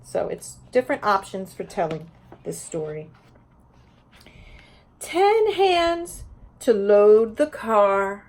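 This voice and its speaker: This teacher's voice is medium-pitched, a little mellow and sing-song, delivered slowly with long pauses. She reads a children's picture book aloud as the basis of an informal, explanatory lesson in an educational video aimed at teachers.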